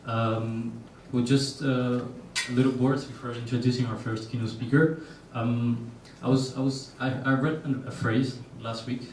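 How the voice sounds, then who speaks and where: A man from Panama, a student organizer, speaking in a halting, self-correcting way. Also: medium pitch, fairly even intonation, a little hiss or hum. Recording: echoey hall from far off.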